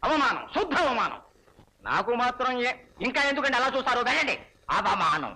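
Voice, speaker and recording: A man's voice: very high-pitched, very animated, brisk, sharp tone, slightly rough, full character voice, poor audio. An actor playing a fussy village man who reads out a wedding invitation and takes offence. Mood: indignant. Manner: fussy, indignant. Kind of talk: 1980s film dialogue.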